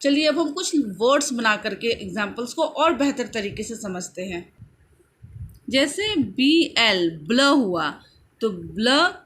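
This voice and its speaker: A woman teaching children phonics in a mix of Hindi and English, slowly sounding out and repeating each word. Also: fairly high pitch, a bit bright, a little hiss or hum. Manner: slow, drawn-out repetition of sounds and words.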